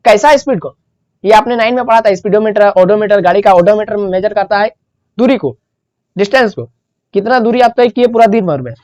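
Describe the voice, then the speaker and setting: A woman's voice: mid-range voice, brisk, a little mellow, no room sound. A woman teaching a physics lesson, explaining step by step and repeating the key terms. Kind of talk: classroom lecture.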